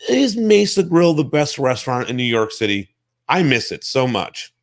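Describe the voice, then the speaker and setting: Guy hosting a talk show, swings his pitch all over, excited, swears casually. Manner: enthusiastic, swears casually, quick laughs. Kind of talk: casual interview chat.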